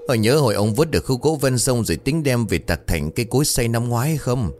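A man voicing a frightened older village wife who begs and trembles in a shrill voice. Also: animated, a little fast, darkish tone, soft background music, lightly acted. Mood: terrified.

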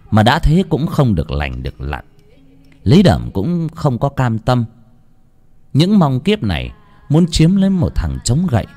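A man narrates a grim village horror tale. His delivery is dramatic and vivid, his pitch rising and falling strongly through every line. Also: mellow. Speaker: storyteller.

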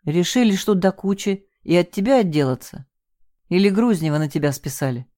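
A woman's voice: on the low side, animated, a little fast, warm tone, natural voice. A woman narrating a sardonic tough guy under fire. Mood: gruff, mocking. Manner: mocking, terse, barks orders. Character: tough, sardonic man in a gunfight.

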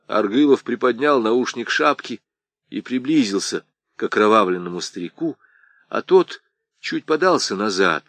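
Guy reading an audiobook in a dry booth, lowish voice, voices the shouting parts big and loud. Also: expressive, normal speed, dry recording. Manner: acts out shouted dialogue with wide swings in loudness. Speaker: audiobook narrator.

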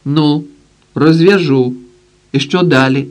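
A man's voice: fairly high pitch, takes it slowly. A man voicing a brash, coarse middle-aged woman in an audiobook, bossy and wheedling by turns. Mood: scolding.

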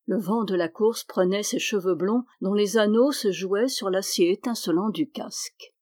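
A woman reads a historical novel aloud, with measured, expressive storytelling. The recording is dry and close, with no room sound, and her voice sits at a middling height. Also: medium pitch, no room sound. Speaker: audiobook reader.

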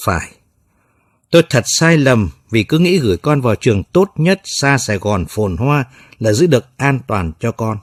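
A man voicing a grieving mother who speaks softly and tearfully. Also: mid-range voice, lively intonation, normal speed, husky, no echo, clean studio sound. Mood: sorrowful. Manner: tearful, pleading, soft. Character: grieving mother, gentle but firm.

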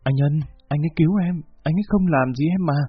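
A man's voice: medium pitch, expressive, moderate pace, slightly rough, no room sound, faint music behind. A man voicing a weak, desperate young woman, her speech faint and pleading, on a dull lo-fi recording. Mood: appeasing.

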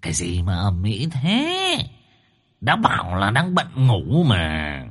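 A man voicing a grumpy, drowsy male spirit woken from sleep, grumbling slowly. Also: on the low side, huge pitch swings, fairly bright tone, slightly rough, exaggerated voice.

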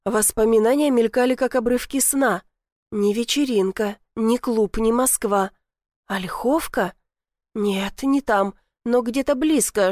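A woman's voice: medium pitch, darkish tone, dry recording, studio quality. A woman reading a first-person novel aloud, telling it tensely and dramatically. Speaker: audiobook narrator.

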